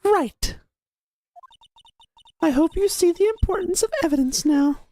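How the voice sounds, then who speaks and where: A man in falsetto voicing a calm female boss lawyer who mentors her junior, in a parody fan dub. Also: unhurried, faint music behind. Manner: falsetto that drops to a deep voice.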